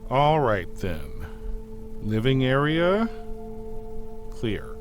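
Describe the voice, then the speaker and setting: In a science fiction audio drama, a man plays a loyal, modest, watchful aide and bodyguard, speaking in a measured, formal and earnest way. His medium-pitched voice is sing-song, the mood is brisk and businesslike, and music plays in the background.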